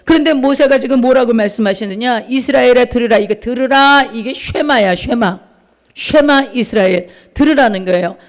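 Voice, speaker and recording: A man preaching a sermon as pastor, emphatic, with questions to the congregation and acted-out voices in his stories. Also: extremely high pitch. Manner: emphatic preaching, acts out the characters in his anecdotes.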